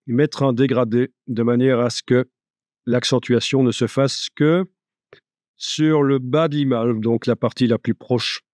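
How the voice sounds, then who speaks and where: Male software instructor, casual and jokey, thinks out loud, mid-range voice, dry close sound. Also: mid-range voice, dry recording. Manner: chatty, jokey, thinks aloud. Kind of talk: live software tutorial.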